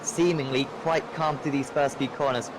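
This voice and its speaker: A man commentating live on a sim race as a motorsport commentator, with an excitable play-by-play delivery that lifts with the action. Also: mid-range voice, moderate pace. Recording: clear engine noise behind. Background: race car engines.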